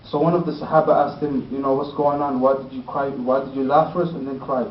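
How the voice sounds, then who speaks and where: A man's voice: mid-range voice, level tone, fairly quick. A man telling a story in a sermon, using lots of fillers and rhetorical questions. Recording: roomy, distant, dull lo-fi with faint noise.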